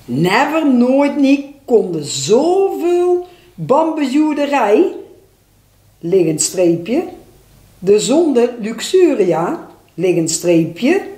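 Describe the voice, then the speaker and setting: Lady reading a dictation super slow, says the punctuation low, echoey room. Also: dark tone. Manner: reads each phrase slowly, then drops low to call out punctuation. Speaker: dictation reader.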